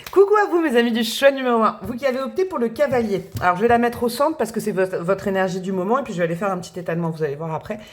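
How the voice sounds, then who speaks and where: A woman's voice: mid-range voice, very fast, hardly any pauses. A woman hosting a tarot reading to camera, chatting in a rambling way and laughing at herself. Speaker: tarot reader and channel host.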